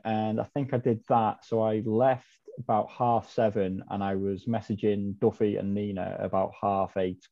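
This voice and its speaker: A chatty man guesting on a podcast, rambling through his story with plenty of ums and restarts. His voice sits fairly low and sounds dark and mellow. The audio is dull and lo-fi. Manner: chatty, rambling, with frequent ums and self-corrections. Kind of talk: casual storytelling chat.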